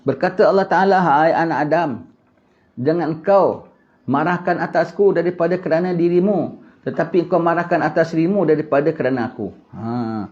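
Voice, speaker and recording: Male preacher, higher pitch, mellow dark tone, animated lecturing, muffled lo-fi capture. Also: brisk. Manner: animated preaching, rhetorical questions, sudden emphatic bursts. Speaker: religious teacher. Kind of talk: Islamic lecture in casual colloquial Malay.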